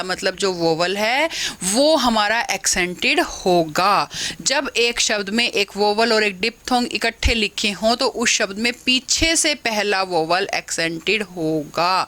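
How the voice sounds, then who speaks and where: Woman teacher, slow, bright delivery; patient step-by-step explainer of rules. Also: medium pitch, rough recording. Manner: explains step by step, reads English rules slowly then restates them in Hindi. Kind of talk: phonetics lesson mixing Hindi and English.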